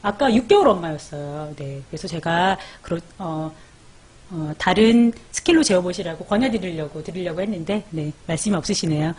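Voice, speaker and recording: A woman's voice: on the low side, lively intonation, normal speed, a little mellow, breathy edge. A woman hosting a live parenting stream, chatting casually as she reads viewer comments, calls out their names and gives baby sleep tips.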